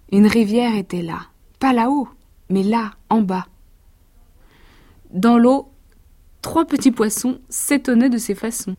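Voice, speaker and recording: Between her energetic, rhythmic readings of rhymed children's tales, this actress quietly recalls the stories. Her female voice sits in the mid range.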